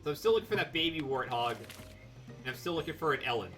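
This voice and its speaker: A man streaming a video game, commenting in an excitable, profane and sarcastic way. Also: a little high, a little fast, soft background music. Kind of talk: let's play commentary.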